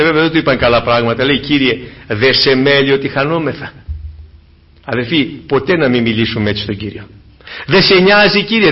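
A man preaching a fervent sermon, swinging between loud exclamations and hushed asides to the congregation. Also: on the high side. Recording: dull lo-fi recording.

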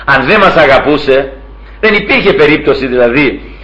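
A man preaching a sermon, telling a story with lively rises and quiet asides to his brothers. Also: medium pitch. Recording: dull lo-fi recording.

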